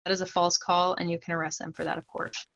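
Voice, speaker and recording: A woman's voice: on the low side, flat delivery, fast talker, fairly bright tone, muffled recording. A young woman casually explaining roleplay police charges on a livestream, chatting to viewers and laughing easily.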